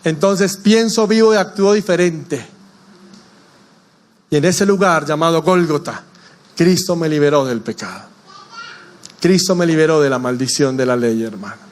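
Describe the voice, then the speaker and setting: A male pastor delivers a sermon in a church. His voice sits high for a man, and he keeps turning to the congregation with questions. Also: normal speed, long pauses. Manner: preaching with rhetorical questions to the congregation.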